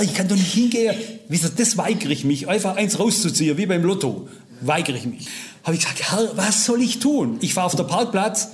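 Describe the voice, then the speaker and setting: A middle-aged man preaching a sermon, telling a personal story with animated swings between loud pleading and low, quiet asides.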